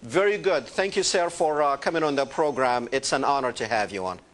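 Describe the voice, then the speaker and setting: A male talk show host interviewing a guest, speaking haltingly with many filler sounds. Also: medium pitch, a bit bright. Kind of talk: call-in TV interview.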